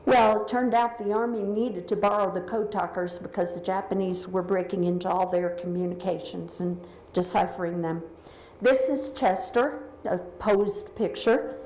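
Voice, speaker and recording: A woman's voice: medium pitch, steady tone, moderate pace. A woman giving a slide talk about her book, her voice echoing through a hall's sound system as she explains pictures one by one. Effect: big hall echo through a loudspeaker. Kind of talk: lecture presentation. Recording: echoey hall with faint noise.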